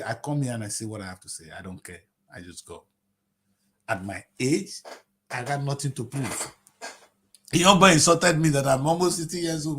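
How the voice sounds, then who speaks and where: A man in his late fifties with a Nigerian accent, giving impassioned political commentary on TV, firing off rhetorical questions and swinging between shouting and low mutters. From Nigeria (Delta State). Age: 50s.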